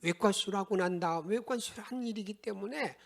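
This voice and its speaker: Animated Korean pastor preaching. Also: male voice, high voice, a little fast, vocal fry, a little hiss or hum. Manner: animated, swings between loud exclamations and hushed asides. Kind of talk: sermon. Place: church sanctuary.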